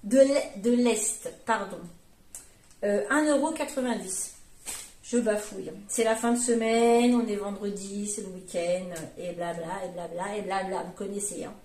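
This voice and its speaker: This woman, a mother in her forties, vlogs a laid-back grocery haul at normal speed, her medium-pitched voice carrying a darkish tone. She rambles with many fillers and self-corrections, and the room echoes.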